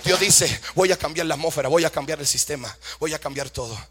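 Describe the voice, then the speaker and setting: A man's voice: a little high, fairly quick, big-room sound, loud music behind the voice. A man preaching a fervent sermon, asking rhetorical questions, calling for amens and mixing English phrases into his Spanish.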